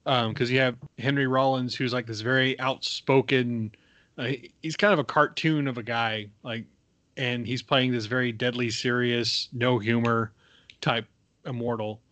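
A man's voice: mid-range voice, steady tone, normal speed, fairly bright tone, no echo. A man talks through a film he loves in loose, rambling podcast chatter. His mid-range voice sits close and dry on the mic, with plenty of fillers and restarts. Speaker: podcast co-host. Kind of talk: casual chat.

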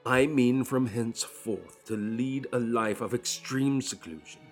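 A man voicing a tormented, secretive doctor whose letter he reads in a grave, measured way. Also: mid-range voice, faint music behind, lightly acted.

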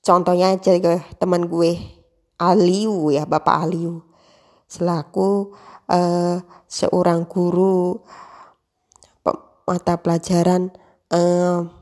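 A young woman, talking casually about wanting to become a show host, rambling with many fillers and pauses. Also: on the low side, little pitch movement, a little mellow. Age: young adult. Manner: rambling with many fillers, practicing emcee phrasing. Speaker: aspiring host. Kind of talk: casual monologue.

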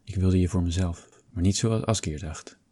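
A man voicing a tense young captive who speaks in an urgent, hushed way. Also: low voice, normal speed, a little hiss or hum, lightly acted. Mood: wistful.

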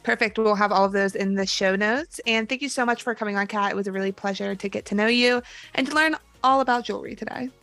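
A woman co-hosting a podcast, bubbly and quick to laugh, chatting casually with a guest. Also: mid-range voice, a bit bright, no echo, faint music behind. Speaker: podcast co-host.

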